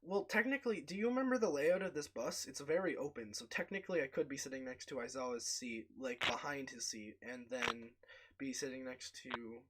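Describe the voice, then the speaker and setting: A man's voice: medium pitch, a little fast, fairly bright tone. A man playing a tabletop role-play game, chatting casually and rambling through his moves with in-character asides. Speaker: player.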